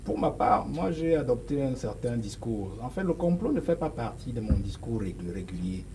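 A man's voice: medium pitch, sing-song, moderate pace, background noise. A man in his forties with a Cameroonian French accent, a guest speaking emphatically in a studio interview, with frequent hesitations. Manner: emphatic, gestures while speaking, many hesitations. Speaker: political guest. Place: small studio set with sofas. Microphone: lapel.

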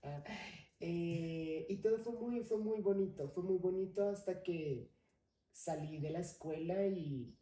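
A woman's voice: fairly low pitch, a little slow, dark tone. A young adult woman from Colombia, telling her story expressively as a podcast guest in a casual interview. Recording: roomy, slightly distant mic.

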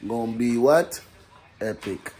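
A young adult man with a Caribbean accent vlogs casually and slangily, repeating catchphrases, in a slow, dark, medium-pitched voice. He moves between a hotel room and an outdoor walkway, recording on a handheld phone held at arm's length with faint background noise.

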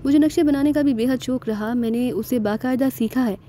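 A man's voice: very high-pitched, a little fast, dark tone. A woman voicing a proud, obliging older man who explains things at length.

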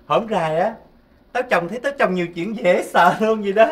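A man's voice: high voice, fairly quick, distant mic, a little hiss or hum, natural voice. Man playing a whiny put-upon kitchen god. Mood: complaining. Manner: whiny, exclaiming, comic complaining. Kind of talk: stage comedy sketch.

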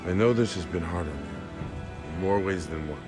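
A man voicing a deep, calm survivor. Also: normal speed, over music, natural voice. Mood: concerned. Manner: calm, earnest. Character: steady, caring adult male survivor. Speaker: video game character. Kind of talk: video game voice acting. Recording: game score underneath.

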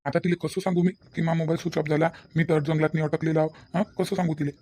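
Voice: medium pitch, level tone, fast talker, warm tone, lightly acted. A voice actor playing a worried grown son in a cartoon, fretting and soothing his mother. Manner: fretting, placating. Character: anxious grown son stuck in a forest. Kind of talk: cartoon voice acting.

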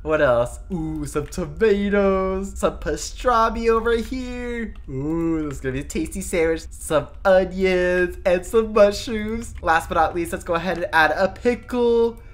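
A woman narrating a Minecraft role-play, excitable and full of yelps and exclamations. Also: fairly low pitch, unhurried, hardly any pauses.

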